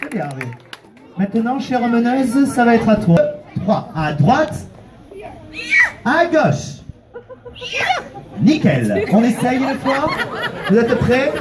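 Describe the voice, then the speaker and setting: Lively high-voiced man teasing a street crowd. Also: unhurried. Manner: teasing, playful, calls volunteers "mon cœur"; counts out loud and coaxes the crowd to applaud. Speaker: street performer leading audience volunteers. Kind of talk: comic crowd banter. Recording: open-air recording with a noisy crowd around.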